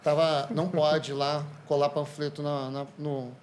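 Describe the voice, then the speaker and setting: A Brazilian man, a podcast guest, telling lively anecdotes in casual conversation. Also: fairly high pitch, measured pace, slight background noise. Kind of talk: casual storytelling.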